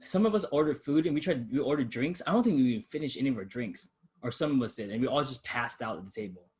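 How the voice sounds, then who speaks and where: A man's voice: mid-range voice, lively intonation, fast talker, a little mellow. A young man in casual chat with an old friend, talking in a loose, laid-back way with the odd curse word. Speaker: channel host.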